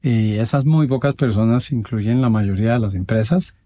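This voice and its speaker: A Colombian man answering interview questions in a measured, formal, explanatory way, with pauses. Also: mid-range voice, warm tone, no room sound, studio quality. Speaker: guest, association president.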